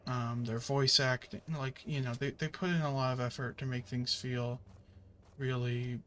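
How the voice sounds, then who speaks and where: A man's voice: mid-range voice, flat delivery, moderate pace, a bit bright, slight background noise. A man chatting casually while playing a video game, rambling with many fillers and the odd curse at the game. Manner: swears at the game. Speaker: gaming channel host.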